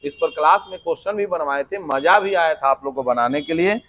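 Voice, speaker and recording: Man, high voice, physics teacher, lively, asks and answers his own questions. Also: fairly quick. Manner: lively, mixes English terms, asks and answers himself. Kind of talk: exam-prep lesson.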